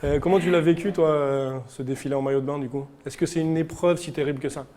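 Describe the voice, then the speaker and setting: Talk show host, playful, teasing, interviewing guests, middle pitch. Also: fairly even intonation, fast talker, dark tone, slight background noise.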